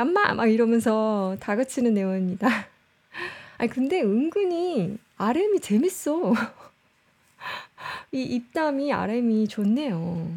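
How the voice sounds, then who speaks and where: A woman's voice: a little high, a little mellow. A woman casually commenting on show clips, chatty and often laughing as she explains. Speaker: host reviewing show clips.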